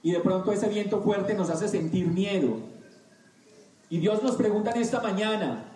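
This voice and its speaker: A man preaching a sermon, slow and emphatic with dramatic pauses. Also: high-pitched, dark tone, far from the mic. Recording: echoey room, voice off-mic.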